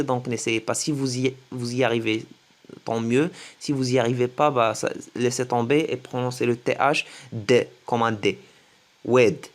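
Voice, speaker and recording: A man teaching English greetings to French speakers, slowly repeating each phrase several times. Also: mid-range voice. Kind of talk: French-language English lesson.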